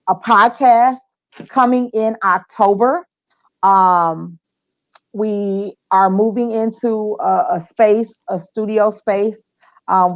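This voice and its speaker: A woman's voice: mid-range voice, dull audio. A woman hosting a podcast, chatting casually with upbeat, slangy hype as she wraps up the show. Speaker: podcast host. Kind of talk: casual show wrap-up chat.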